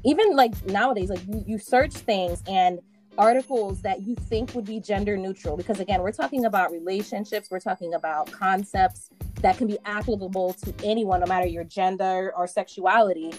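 A woman's voice: mid-range voice, fairly quick, a little mellow, soft background music. Bubbly woman podcast host. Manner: bubbly, laughs often, fillers like "like" and "um". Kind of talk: casual podcast interview.

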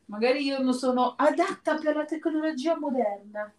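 Female co-host, higher voice, colloquial southern Italian street slang, casual live chat. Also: normal speed, very noisy.

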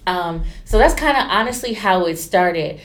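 A woman, a stylist chatting candidly in an interview and acting out quotes with lively turns. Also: fairly low pitch, normal speed. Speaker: stylist and entrepreneur. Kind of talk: casual interview storytelling.

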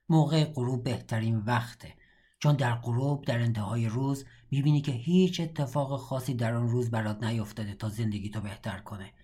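Husky bitter prisoner guy, a man reading him for an audiobook, blunt and mocking, totally matter-of-fact. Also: medium pitch, darkish tone, lightly acted. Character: bitter scarred middle-aged male prisoner, bluntly cynical.

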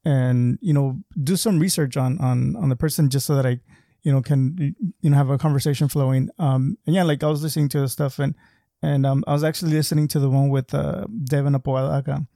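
A man hosting a podcast, interviewing a guest in a friendly, halting way with many repeated words. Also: medium pitch, fairly even intonation, vocal fry, dark tone, dry recording, clean studio sound. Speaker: podcast host. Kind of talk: casual interview chat.

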